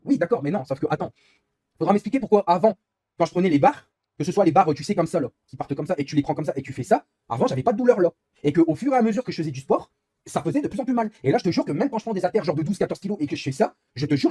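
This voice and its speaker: Chatting casually on a live stream during a racing game, a young man rambles through his complaints at a breakneck pace, cursing freely. His husky, mellow voice sits fairly high, and the close, dry recording has no room sound.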